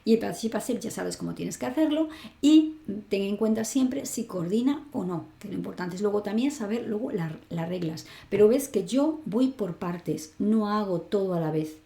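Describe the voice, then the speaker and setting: A woman teaching a French grammar lesson online, with a low, gravelly edge to her voice and a mellow, darkish tone. She explains patiently step by step, checking in often, and the room gives her voice a noticeable echo. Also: lively intonation, normal speed. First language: Spanish.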